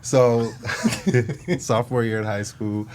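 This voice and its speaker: A man co-hosting a podcast, relaxed and plain-spoken as he tells a story in casual chat. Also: mid-range voice, takes it slowly, slight background noise. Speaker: podcast co-host.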